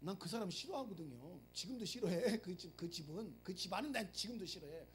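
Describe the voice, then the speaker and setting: A middle-aged male pastor giving a lively sermon, acting out prayers and joking with the congregation. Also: sits high, a little fast, slight background noise. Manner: animated, acts out prayers and quotes, jokes with the congregation. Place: church sanctuary.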